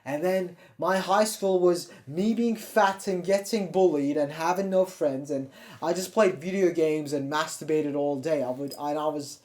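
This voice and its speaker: A young Turkish man, a self-improvement YouTuber, speaks English with an American-sounding accent in a slightly higher register than usual. His monologue is loose and confessional, blunt and heavy with swearing, and he keeps restarting sentences as he rambles. The tone stays steady, unhurried and a little mellow.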